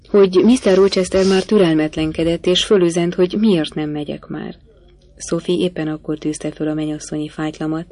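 Low-voiced woman narrating a novel. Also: dark tone. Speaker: audiobook narrator. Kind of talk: first-person literary narration.

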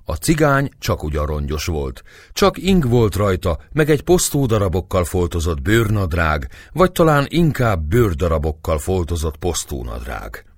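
A man reading a historical novel aloud in a measured storytelling manner. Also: low-pitched, big pitch swings, dry recording. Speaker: narrator. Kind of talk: audiobook narration of a historical novel.

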